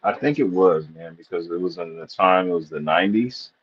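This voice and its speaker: Deep husky man telling rambling stories. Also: fairly quick. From Missouri, US. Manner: rambling storyteller, loose and profane. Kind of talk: casual live panel chat. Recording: dull lo-fi stream audio.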